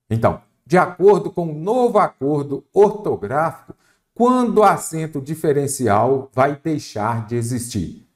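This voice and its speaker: A man with a Brazilian accent teaching a Portuguese spelling lesson for exam prep, lively and full of rhetorical questions he answers himself. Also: mid-range voice. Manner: addresses the student directly.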